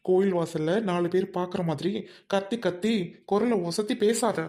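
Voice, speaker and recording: A performer acting as a stern older brother who orders his sister to be quiet. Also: medium pitch, moderate pace, close to an everyday voice. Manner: commanding, scolding.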